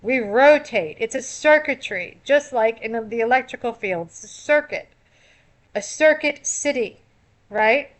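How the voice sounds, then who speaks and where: A woman's voice: fairly high pitch, unhurried. A woman giving a rambling spiritual monologue, full of wordplay, repeating and restarting her words. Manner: laughs at own puns. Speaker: esoteric astrology commentator.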